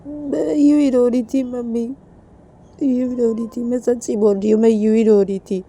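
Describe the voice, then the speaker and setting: A woman's voice: on the high side, fairly even intonation, normal speed, warm tone, voice pushed up. A woman voicing a tearful young woman who pleads that nothing is wrong. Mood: pleading.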